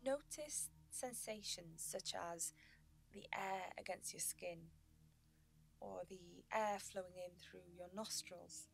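A woman narrating a guided meditation in a gentle, soothing sleep-story manner, with measured pauses. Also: mid-range voice, gravelly.

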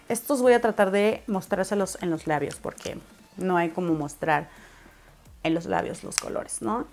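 A woman's voice: mid-range voice, a little mellow. Chatty woman vlogging a makeup haul. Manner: chatty, unhurried, drops in English words. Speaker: beauty vlogger. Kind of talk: casual makeup haul vlog.

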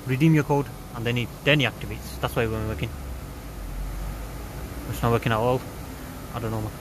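A man's voice: medium pitch, steady tone, a little fast. A young man, vlogging in casual, slangy banter from inside a car at a drive-thru car wash, filmed on a phone. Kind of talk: casual chat. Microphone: phone camera. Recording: noisy car wash background. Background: car wash noise.

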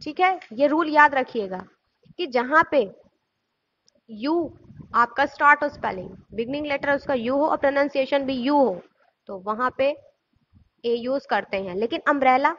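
A woman teacher with a high voice walks through a grammar lesson. She poses questions and answers them herself, spelling words out letter by letter. The recording sounds muffled and lo-fi. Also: normal speed, a bit bright. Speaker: school teacher.

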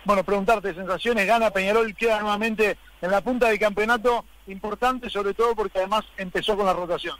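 A man's voice: high voice, fairly even intonation, fairly quick, hardly any pauses, fairly bright tone, low-quality recording. A Uruguayan man working as a radio reporter, doing live post-match interviews.

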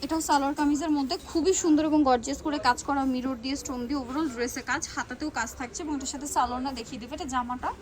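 Woman, shopping video host, very fast talker, high voice, repeats prices, noisy shop around her. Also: fairly even intonation. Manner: rattles off prices and repeats them. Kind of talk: fast product showcase. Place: clothing shop in a shopping mall.

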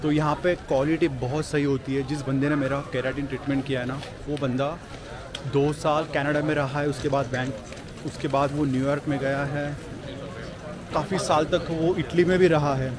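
For his casual walking travel vlog, a young man films himself outdoors with an action camera held at arm's length, his voice on the high side. He chats with viewers through busy nighttime city streets and a train platform, with street and station noise in the background.

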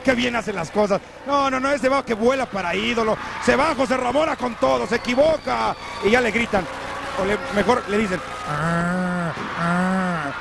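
A Mexican male wrestling commentator with a very high, gravelly voice. He calls the action playfully, with repeated exclamations. The old TV recording is clearly noisy. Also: a little fast. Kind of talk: excited play-by-play commentary. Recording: noisy old TV tape from arena.

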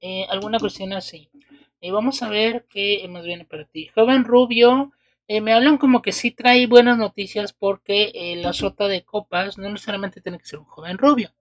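Unhurried woman reading tarot cards. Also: mid-range voice, fairly even intonation, no echo. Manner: unhurried, many filler "eh"s and checking "¿ok?". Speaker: tarot reader. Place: indoors at a table.

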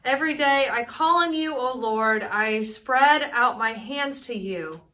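A woman in her thirties, a pastor, leading prayer and reading scripture in a solemn, measured way from a small room at home. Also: fairly high pitch, sharp tone. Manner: solemn, measured liturgical delivery.

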